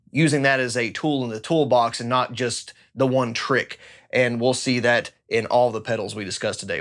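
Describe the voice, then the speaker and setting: A man with a voice of ordinary, middle pitch talks through technical details in a relaxed, conversational manner. He sounds enthusiastic and chatty, and he slips in self-deprecating asides along the way. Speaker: guitar pedal reviewer. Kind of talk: casual technical explainer.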